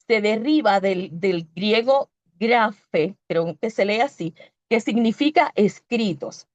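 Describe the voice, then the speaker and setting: A woman's voice: fairly high pitch, darkish tone, no echo, highs cut off. Puerto Rican woman preaching a Bible teaching. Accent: Puerto Rican Spanish. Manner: earnest teaching, reads scripture aloud, self-corrections. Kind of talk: sermon. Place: church.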